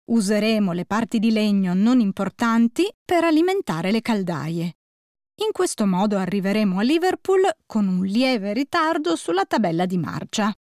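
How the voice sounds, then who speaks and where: Composed gentleman voiced by a woman narrator, resolute and matter-of-fact, storybook reading. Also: medium pitch, big pitch swings, moderate pace, no room sound, clean studio sound, lightly acted. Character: calm determined English gentleman, man.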